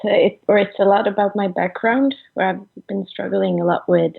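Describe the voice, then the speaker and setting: A woman in her twenties from Sweden, a musician answering interview questions over the phone in a halting way, full of fillers and trailing off. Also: mid-range voice, steady tone, vocal fry, breathy edge. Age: 20s. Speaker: musician guest. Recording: tinny phone line.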